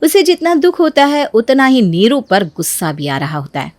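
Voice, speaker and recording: A woman narrating a family drama storybook in a steady scripted manner. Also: sits high, normal speed, no echo.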